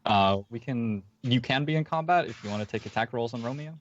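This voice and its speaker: A man narrating as game master of a tabletop game, talking with many fillers and slowing down for descriptions. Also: mid-range voice, dull audio. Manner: hesitant, filler-heavy narration with slowed descriptive passages.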